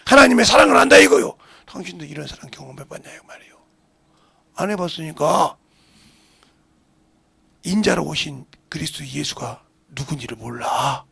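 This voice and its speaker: A middle-aged man preaches a sermon in a high, gravelly voice with a husky edge. He swings between hushed, whispered prayers and loud, shouted appeals, and his pitch moves all over the place. The sound is dry and close. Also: no echo. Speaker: pastor. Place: church sanctuary.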